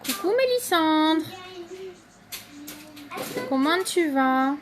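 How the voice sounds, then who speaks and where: A woman's voice: sits high, big pitch swings, drawn-out words, background noise. A woman hosting a casual live stream, chatting to viewers by name and showing makeup products, with many fillers.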